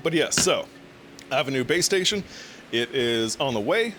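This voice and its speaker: A man's voice: medium pitch, lively intonation, moderate pace, noisy background. A man chatting casually with his viewers on a cooking live stream, laughing often and swearing now and then.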